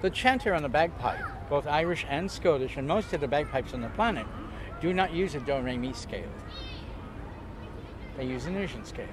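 Speaking at a normal speed in a fairly high, expressive voice, an older man shares casual stories as an interviewee on a waterfront pier. His delivery is chatty, theatrical and full of jokes and loud bursts of laughter, and outdoor street noise fills the background.

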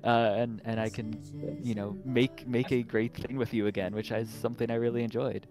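A game developer talks casually in an online interview over a voice call, chuckling often as he goes. His medium-pitched voice is flat and brisk, the audio is poor, and plucked guitar music plays underneath.

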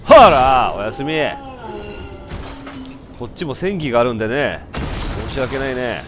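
A man giving casual let's-play commentary, breaking from muttered asides into loud startled outbursts. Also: mid-range voice, animated, unhurried, soft background music.

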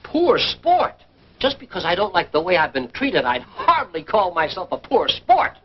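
An actor playing a sulky, stubborn, blustering American husband in a mid-century radio comedy. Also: male voice, high-pitched, huge pitch swings, normal speed. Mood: indignant, self-pitying. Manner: indignant, stammering bluster. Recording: dull, faintly noisy vintage radio recording.

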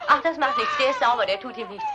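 A woman's voice: sits high, animated, fast, very noisy. A woman dubbing a doting middle-aged wife and new grandmother in a German film, fussing and cooing.

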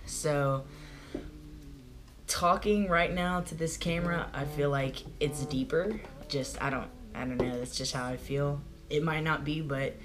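In a small home bedroom, a young man records a casual video diary, talking to a camera set up close in front of him. He rambles chattily, dropping "like" over and over, and his mid-range voice tends to crack and turn hoarse. A little background noise can be heard.

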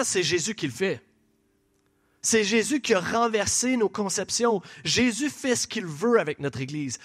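A man preaching a sermon in a church with a Québécois French accent, animated and conversational, asking the congregation questions. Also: high-pitched. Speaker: pastor.

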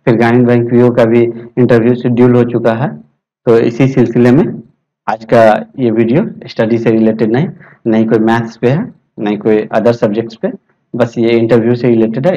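A young man in a casual, rambling talk to his viewers, tagging his sentences with quick checks that they follow. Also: medium pitch, mellow, lo-fi sound. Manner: chatty, rambling, many "theek hai" tags. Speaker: YouTube educator sharing exam interview experience. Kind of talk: casual talk to viewers over a screen recording.

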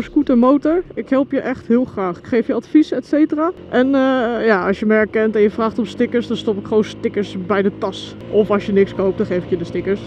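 A woman's voice: high-pitched, slight background noise. Chatty woman vlogging from a scooter. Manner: chatty and excitable, talking to viewers. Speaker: motovlogger. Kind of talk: casual chat while riding. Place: outdoors in city traffic on a scooter. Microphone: helmet mic. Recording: dull lo-fi helmet audio with music. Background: music.

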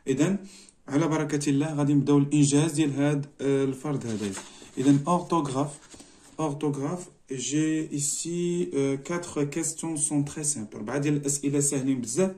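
A middle-aged man with a Moroccan accent teaches a French spelling exercise, moving between languages and saying each word slowly twice. His voice is mellow and relaxed but pitched a touch high for a man. He explains each step patiently, like a classroom teacher. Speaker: primary school teacher. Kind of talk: French lesson walkthrough mixing Moroccan Arabic and French.

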